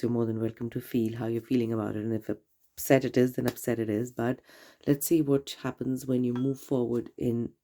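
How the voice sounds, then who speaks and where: A woman giving a tarot reading straight to the viewer, gentle and reassuring, her voice nasal from a cold and congestion. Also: a bass voice. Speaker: tarot reader. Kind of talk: casual tarot reading to camera.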